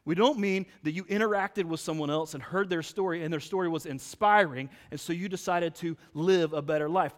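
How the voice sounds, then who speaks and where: A man's voice: a little high, big-room sound. A man preaching a sermon, reading scripture aloud and building emphasis with rhetorical questions. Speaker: pastor.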